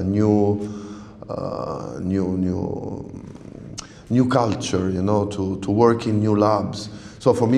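Searching for his words, a male radiobiologist guest hesitates often, filling gaps and restarting sentences during an interview conversation in English, his second language after Italian; he comes from southern Italy. The voice is fairly low and mellow, with reverberation and a long tail.

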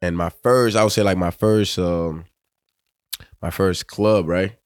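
A man's voice: sits low, fairly even intonation, measured pace, clean tone, no room sound, clean studio sound. A young man with a West African accent, chatting casually as a podcast guest in a laid-back, slangy way, dropping "bro" constantly. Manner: laid-back, slangy, says "bro" and "you know what I'm saying" constantly. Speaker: pro soccer player, guest.

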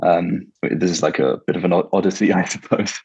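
A man's voice: low voice, fairly even intonation, a little fast, a little mellow, slightly rough, no echo, dull audio. A young man from Italy and Germany answering interview questions casually, with many fillers. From born in Italy, raised in Germany. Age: young adult. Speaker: guest, legal counsel.

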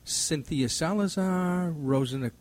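A man's voice: on the high side, a little slow, a little mellow. A man in casual comedic banter as a panelist, wry and prone to swearing.

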